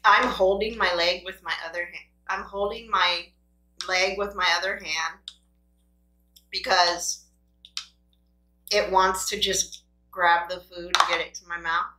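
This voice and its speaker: Bright-voiced woman chatting over a meal, roomy echo. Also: lowish voice, steady tone, a little slow, pauses often, slight background noise. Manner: talks between bites with small appreciative mm sounds; playful self-talk, grumbling at the food. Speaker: mukbang vlogger. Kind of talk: casual chat to camera while eating. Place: room at home. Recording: roomy, echoing indoor sound.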